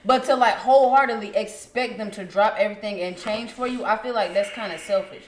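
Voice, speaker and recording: A woman's voice: medium pitch, fairly quick. A young American woman co-hosting a podcast, debating casually in an informal, profane, outspoken way. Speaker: podcast co-host. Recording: roomy echo, faint noise, clicks.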